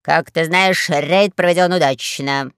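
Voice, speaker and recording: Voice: mid-range voice, measured pace, clear, resonant tone, no echo, studio quality. A performer playing a boastful, bullying space admiral who blusters and threatens, in an audiobook. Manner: blustering, shouting.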